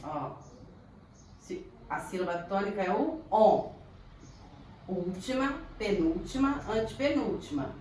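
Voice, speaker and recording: A Brazilian woman teaches young pupils a grammar lesson. She speaks slowly and deliberately, stretching words out to sound their syllables. Her voice comes from a distance in a very echoey room with faint ambient noise. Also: mid-range voice, expressive, darkish tone. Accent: Brazilian Portuguese. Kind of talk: primary school grammar lesson.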